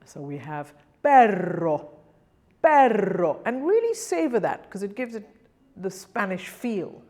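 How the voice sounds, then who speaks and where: A woman teaching singing diction, demonstrating each sound slowly and repeating the example words. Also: medium pitch, big pitch swings, dark tone. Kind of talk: pronunciation lesson.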